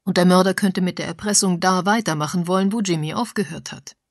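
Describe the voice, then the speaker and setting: A man's voice: high voice, quick pace, no room sound, studio quality. A woman reading an urgent, insistent male sleuth. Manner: urgent, raised voice.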